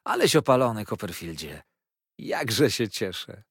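A man's voice: medium pitch, sing-song, normal speed, a bit bright, husky, no room sound, studio quality, heavily acted. A man voicing an effusive young male lawyer who gushes and fires off questions, as a storybook reader. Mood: cheerful. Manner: gushing, breathless, showers questions.

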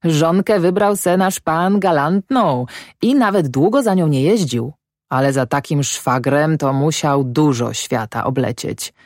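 A woman voicing an excitable middle-aged male peasant farmer who speaks in rustic dialect, grumbling and shouting at times. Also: deep voice, unhurried, dry recording, studio quality. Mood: amused muttering.

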